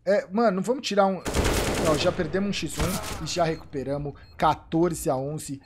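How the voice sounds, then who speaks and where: A Brazilian man giving excited live commentary on a competitive shooter match, swearing and shouting at big plays. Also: on the high side, normal speed, heavy background noise. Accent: Brazilian Portuguese. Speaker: esports streamer commentator. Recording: live stream with game gunfire behind.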